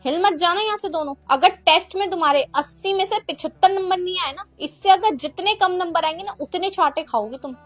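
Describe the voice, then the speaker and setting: A sharp-tongued, strict schoolteacher, played by a woman, fires off scolding questions and threats at her class. The voice sits very high, and the delivery is bossy and relentless, as in a comedy skit. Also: fairly quick, hardly any pauses. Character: harsh strict female schoolteacher scolding pupils.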